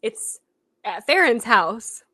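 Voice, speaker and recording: A young woman co-hosts a casual podcast, her voice bright and a little high. She tells animated stories and laughs often. The talk is loose and chatty. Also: slow pace, slightly rough. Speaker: podcast co-host. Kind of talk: casual chat.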